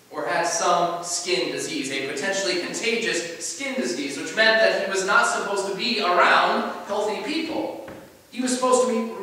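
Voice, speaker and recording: Pastor, male, measured sermon delivery that swells and fades; bright tone, long church reverb. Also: sits high. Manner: measured preaching, rising on key phrases and dropping soft at line ends. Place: large church sanctuary. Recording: echoey church from far off, faint hiss.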